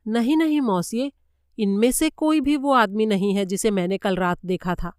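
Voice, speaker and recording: A woman's voice: medium pitch, moderate pace, darkish tone, clear, resonant tone, dry recording, studio quality, lightly acted. A woman voicing a flustered, earnest German lady's maid in a story reading, pleading and insistent in manner. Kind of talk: audiobook character voice.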